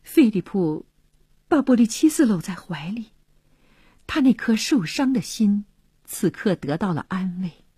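Very husky woman reading a slow story. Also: medium pitch, dry recording, clean studio sound. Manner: expressive storytelling, often dropping to a hushed voice. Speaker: narrator. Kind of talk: serialized radio story reading.

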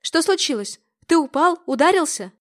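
A woman reading aloud gives a young mother, tense and guarded, her high voice rising sharply whenever fear takes hold. It is an audiobook reading, pitched a little above the usual. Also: normal speed, natural voice. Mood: alarmed. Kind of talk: audiobook character voicing.

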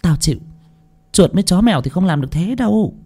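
A man voicing a coarse, blunt servant who talks fast and rough. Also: high-pitched, animated, mellow, voice pushed up, full character voice. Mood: uneasy. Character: servant Tư, rough-talking, uneasy.

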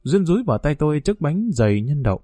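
A man reads a novel aloud in a steady, unhurried way. His voice is dark and mellow. The recording is dry and close, with soft guitar music playing behind him. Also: fairly high pitch, dry recording. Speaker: audiobook narrator. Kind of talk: scripted narration of a novel.

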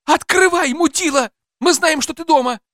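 A man reading aloud and voicing a frantic, furious woman shouting for her daughter in a high, shrieking voice. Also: big pitch swings, normal speed, dry recording, clean studio sound. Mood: screaming.

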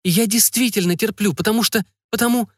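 A man's voice: high-pitched, brisk, no room sound, studio quality, voice pushed up, lightly acted. A man voicing a spirited young island girl who speaks earnestly and with defiance. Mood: frank, defiant.

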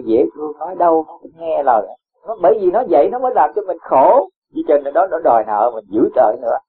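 A Buddhist teacher, gently admonishing a student in a question-and-answer dharma talk and posing rhetorical questions with a chuckle. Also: male voice, mid-range voice, breathy edge. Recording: tinny lo-fi phone-like sound.

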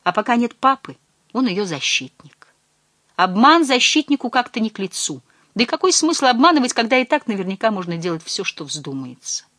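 A woman narrating a story in an audiobook, with measured, expressive storytelling. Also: a little high, no echo.

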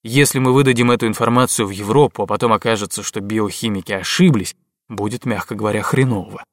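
A man's voice: medium pitch, moderate pace, a bit bright, dry recording, clean studio sound, lightly acted. A man voicing a stern male intelligence major who speaks in curt, clipped phrases.

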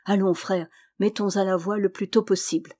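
A woman's voice: medium pitch, fairly even intonation, a little fast, warm tone, natural voice. A woman voicing a brave young man who urgently commands his brothers in a storybook tale.

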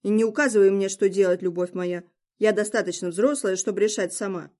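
A woman's voice: mid-range voice, steady tone, fairly quick, mellow, close to an everyday voice. Strong-willed young wife, read by a woman. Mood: firm. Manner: firm, decisive.

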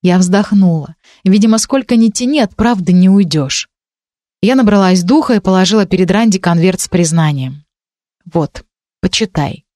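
A woman narrating an audiobook in a measured, expressive way. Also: mid-range voice, no room sound, clean studio sound.

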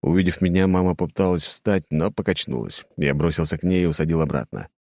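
A man narrating a first-person audiobook in a somber, measured way. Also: low voice, darkish tone, no room sound, studio quality.

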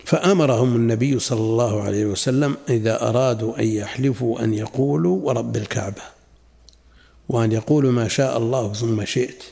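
An older man, a sheikh, teaching a classical religious lesson in a measured way, repeating phrases and asking rhetorical questions. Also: medium pitch, creaky, mellow.

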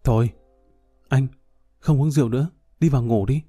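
A man's voice: medium pitch, fairly quick, mellow, no room sound, studio quality, faint music behind, close to an everyday voice. A man voicing a frightened young wife who pleads anxiously in a storybook reading. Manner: worried, pleading.

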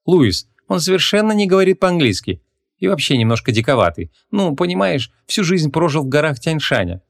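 A man voicing a brisk young policewoman in an audiobook, hesitant when covering up. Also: a little high, sing-song, gravelly, dry recording, clean studio sound, voice pushed up. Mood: evasive.

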